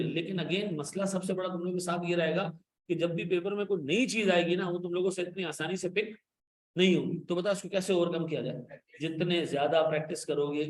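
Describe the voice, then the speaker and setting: A man giving an accounting lecture, animated and coaxing, pressing his students with repeated questions and playful scolding. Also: high voice, roomy sound. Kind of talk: classroom lecture.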